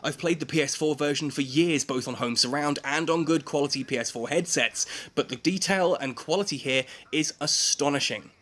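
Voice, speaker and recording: A man narrates a scripted video game review as the reviewer. His voice sits a little higher than most men's. He phrases things with emphasis and a sense of drama. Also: normal speed, a bit bright.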